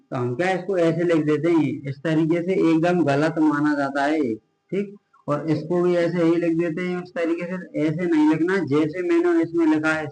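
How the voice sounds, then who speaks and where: Standing at a board, a male teacher lectures on chemistry, his slightly high, darkish voice echoing in a bare room. He reinforces each idea through self-answered questions and stretches out the key terms.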